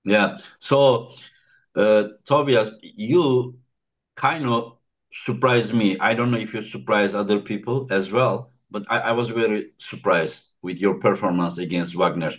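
A man with a fairly low voice hosts a relaxed video-call interview. He is chatty and keeps dropping quick repeated affirmations as his guests talk. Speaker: podcast host.

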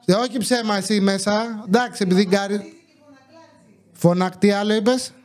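High-voiced talkative Greek-speaking man. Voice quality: talkative, animated storyteller. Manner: acts out his own past lines in quotes, self-mocking. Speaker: YouTuber, channel host. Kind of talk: casual storytelling monologue. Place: indoor room with his wife nearby.

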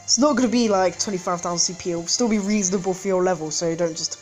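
A woman's voice: lowish voice, fast talker, darkish tone, soft background music. A woman hosting a game channel, giving casual gameplay commentary indoors at home, rambling with frequent hesitations and self-corrections. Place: indoors at home, street outside.

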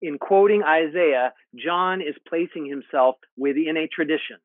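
A man in his forties, a pastor, preaching a sermon from his home study into earbuds on a video call, measured and deliberate. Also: fairly high pitch, no echo. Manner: measured, deliberate preaching with expressive hand gestures. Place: home study with bookshelves, indoors. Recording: phone-like narrow sound, dry.

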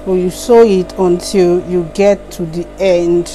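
A woman's voice: on the low side, level tone, measured pace, over music. A woman hosting a craft channel, talking through a sewing tutorial in a casual, chatty way, with a tired voice and instructions she repeats. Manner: chatty, repeats instructions, frequent "okay" and "so guys".

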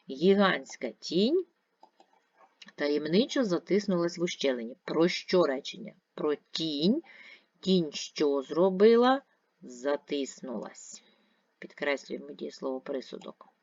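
A woman teacher walks through a grammar lesson step by step, asking questions and answering them herself. Her voice swings widely in pitch and has a gravelly edge. The sound is dry and a little dull. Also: a little mellow, dry recording. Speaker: primary school teacher. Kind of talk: video lesson explaining grammar.

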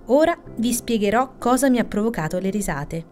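A woman voicing an arrogant, boastful female hare who taunts in a high, loud voice for a bedtime storybook. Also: expressive, fairly quick, faint music behind, close to an everyday voice. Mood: mocking.

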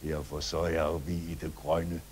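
A man voicing a small, stout storyteller speaking calmly to children in a fairy tale, low and unhurried. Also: slightly rough. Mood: genial.

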